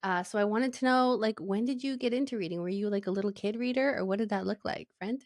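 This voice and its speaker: A young woman from Alberta hosts a relaxed book podcast, bubbly and talkative with plenty of ums and laughs. Her voice sits at a middling pitch. The recording is close and dry, with no room sound. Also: fast talker, no echo. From Canada, Alberta. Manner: bubbly, laughs often, chatty with filler words. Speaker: podcast host. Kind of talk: casual book-podcast interview.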